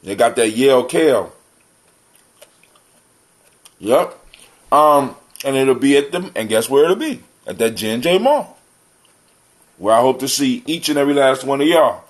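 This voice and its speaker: An American man hosts a live community call-in show, chatting casually and folksily with listeners as if they were family. His mid-range voice is animated, moves at a normal speed, and pauses often.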